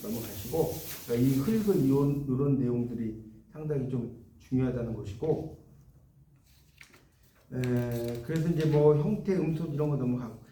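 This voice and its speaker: A man's voice: medium pitch, moderate pace, warm tone, a little hiss or hum. A middle-aged man giving a lecture on Korean spelling, explaining patiently and checking in with his students through questions. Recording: echoey room from a distance.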